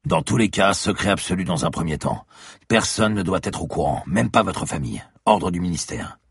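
Guy doing a stern boss cop giving orders, husky, low. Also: lively intonation, normal speed, dry recording, clean studio sound, heavily acted. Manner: curt, authoritative. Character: stern male police commissioner.

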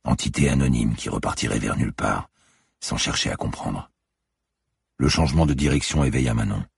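Very deep, gravelly male narrator. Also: no echo, clean studio sound. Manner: measured, dark suspense reading. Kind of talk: audiobook narration.

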